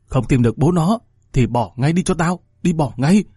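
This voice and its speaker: A man's voice: fairly high pitch, lively intonation, moderate pace, dark tone, husky, no echo, studio quality, voice pushed up. A man voicing an enraged middle-aged mother who scolds her daughter harshly, in a read-aloud story. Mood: furious. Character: furious shouting middle-aged village mother.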